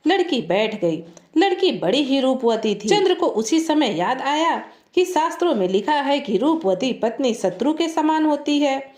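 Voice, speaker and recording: A woman storyteller reading a folk tale in a steady, clear narration. Her voice is high and very lively in pitch. The room around her sounds echoey.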